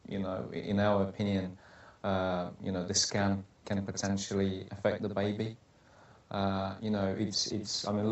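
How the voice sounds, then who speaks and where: Hesitant low-voiced expectant father. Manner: hesitant, full of restarts. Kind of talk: documentary interview. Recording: roomy, distant, muffled sound.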